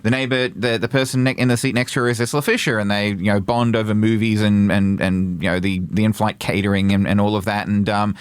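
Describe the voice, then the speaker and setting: A man co-hosting a podcast in casual chat, halting with many fillers and restarts. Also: fairly low pitch, steady tone, clean tone, no echo. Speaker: podcast co-host.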